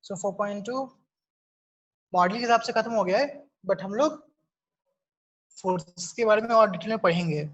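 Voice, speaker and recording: A woman's voice: mid-range voice, unhurried, long pauses, muffled recording. A woman teaching a chemistry class, explaining step by step and checking in with her students often. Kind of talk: online class lecture, mixing Hindi and English.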